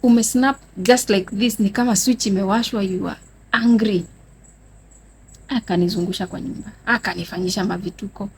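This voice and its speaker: Woman, young adult, Kenyan accent, animated storytime vlog, mid-pitched voice, faint background hum. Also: brisk. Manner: animated, dramatic storytelling addressing viewers as guys. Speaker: vlogger. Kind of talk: storytime vlog, mixing Swahili and English.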